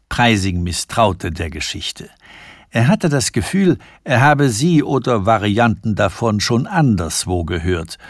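Brief: male radio reader, unhurried literary narration, close dry studio mic. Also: mid-range voice, no echo. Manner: measured, expressive storytelling. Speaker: audiobook reader. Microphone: studio microphone.

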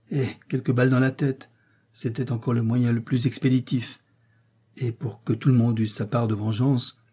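A man reading an adventure novel aloud in a measured, dramatic narration. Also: medium pitch, warm tone, breathy edge. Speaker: audiobook reader. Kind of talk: literary narration.

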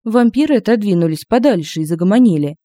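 A woman narrating a humorous fantasy audiobook in an expressive, lively storytelling manner, recorded on a close home-studio mic. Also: medium pitch, quick pace, dry recording.

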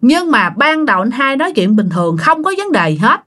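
A woman's voice: fairly high pitch, sing-song, moderate pace, a bit bright. A woman with a Southern Vietnamese accent telling a ghost story in a chatty, casual way, addressing her listeners directly.

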